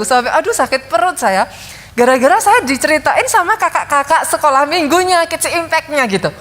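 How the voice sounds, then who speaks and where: High-voiced woman pastor preaching. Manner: lively storytelling, addresses congregation often. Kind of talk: sermon. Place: large church hall. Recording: long hall reverb.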